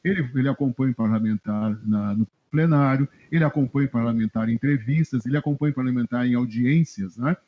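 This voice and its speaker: A middle-aged man from southern Brazil, a journalist guest telling animated anecdotes in a casual interview and chuckling often. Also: mid-range voice, fast talker, hardly any pauses. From Rio Grande do Sul, Brazil. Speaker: journalist guest, press adviser. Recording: dull lo-fi web radio audio.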